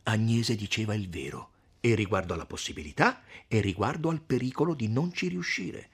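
Gravelly male audiobook narrator. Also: lowish voice, a little fast. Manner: expressive storytelling. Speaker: reader. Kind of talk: audiobook narration of a classic novel.

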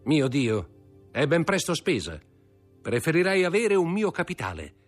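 Man reading as a brisk, disdainful young schemer; husky, quick. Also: a little high, big pitch swings, soft background music, voice pushed up. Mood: curt.

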